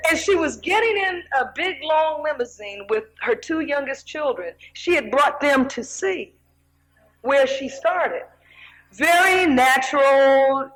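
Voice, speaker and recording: An older woman delivers a sermon in a high, bright-pitched voice. She tells stories with lively animation, swinging into excited acted-out shouts between quieter, earnest stretches. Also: rough recording. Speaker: minister.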